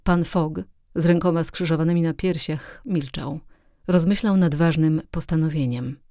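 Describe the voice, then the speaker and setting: A woman reads a classic adventure novel aloud as an audiobook, telling it steadily and with expression. Her voice sits fairly low and sounds mellow. The recording is close and dry. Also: fairly even intonation, moderate pace, dry recording. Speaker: audiobook reader. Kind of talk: audiobook narration.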